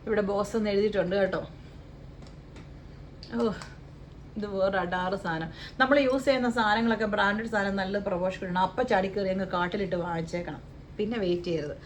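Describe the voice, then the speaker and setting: A woman's voice: medium pitch, steady tone, a little fast, pauses often. Woman, Malayali accent, casual haul chat, playful, faint background hiss. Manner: chatty, playful, jokes about pronouncing brand names. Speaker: vlogger. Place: home, living in the UAE.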